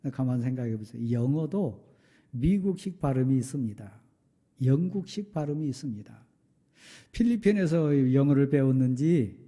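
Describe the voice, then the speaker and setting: A middle-aged male pastor preaching a sermon, firing off rhetorical questions and sometimes dropping to a soft confessional tone. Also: mid-range voice. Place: church sanctuary.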